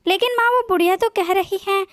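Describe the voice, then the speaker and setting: A woman voicing a spoiled lazy young bride, petulant, high dry voice. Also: brisk, fairly bright tone, no room sound. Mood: whiny.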